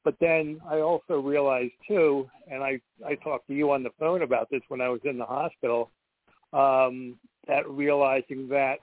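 A man speaking candidly on a conference call line that keeps cutting out, halting and restarting his words. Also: medium pitch, fairly even intonation, dry recording. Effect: conference call line that keeps breaking up. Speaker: guest. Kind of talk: candid personal talk. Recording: tinny phone line.

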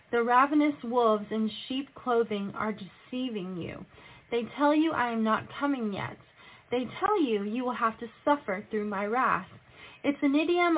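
A woman delivering religious prophecy and scripture in a solemn, admonishing manner. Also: fairly high pitch. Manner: solemn, admonishing, rhetorical questions. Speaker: self-styled prophetess delivering a message as God. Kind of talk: prophetic proclamation and scripture reading. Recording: tinny, phone-like narrow-band audio.

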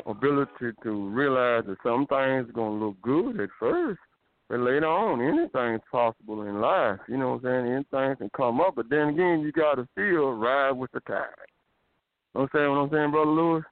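A man calls in to a talk show over a bad phone connection that sounds thin and tinny. He sits in a car repair shop and rambles in a casual, easygoing way. His voice sits in a middle pitch, and the line sounds very dry. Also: lively intonation, moderate pace, no room sound. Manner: rambling, repeats "you know what I'm saying". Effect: bad phone connection with interference. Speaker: caller. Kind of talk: casual radio call-in chat. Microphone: telephone.

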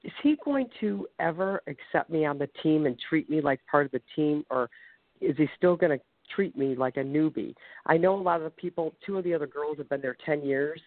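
A woman's voice: sits low, a little fast, dry recording. A chatty woman from Ohio calling in to a radio show over the phone, rambling a little and laughing easily. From Ohio, USA. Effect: caller heard over a phone line. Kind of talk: casual call-in question. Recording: tinny phone line, dry.

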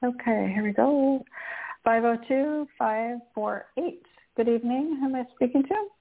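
Creaky-voiced woman leading prayer by phone. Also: on the high side. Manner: halting, searching delivery with repeated invocations. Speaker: prayer line host. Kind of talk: spontaneous spoken prayer. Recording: narrow, tinny phone line.

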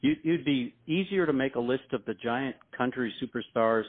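A man's voice: mid-range voice, moderate pace. A man talking casually as a musician guest in an interview, with a folksy, self-deprecating manner. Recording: thin, phone-like line.

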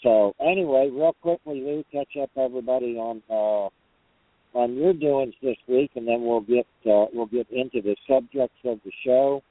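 Hosting a casual show where truckers call in, a man talks from his parked truck cab in a mid-range voice at a moderate pace. His style is folksy, wandering and unsure. No room sound is audible, and the audio is thin and tinny like a phone or radio feed.

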